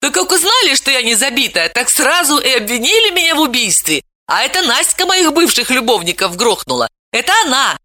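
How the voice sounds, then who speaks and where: A loud, cheeky young woman who exclaims nearly everything and swings wildly up and down in pitch, as a woman narrator puts her on. Her voice sits high and bright, recorded close and dry. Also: very animated, brisk, hardly any pauses, no echo, exaggerated voice. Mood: defiant, brash. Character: brash young woman, defiant and provocative. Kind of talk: audiobook character voice.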